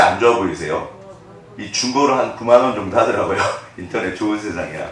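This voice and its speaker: A man preaching a conversational sermon as pastor, swinging between hushed asides and animated bursts. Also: medium pitch. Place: church sanctuary. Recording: echoey church hall from far off.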